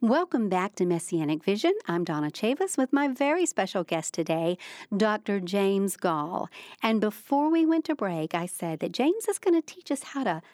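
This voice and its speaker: A woman's voice: mid-range voice, sing-song, moderate pace, a little mellow, no room sound. Female radio host, dry close sound. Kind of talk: hosting a religious radio talk show.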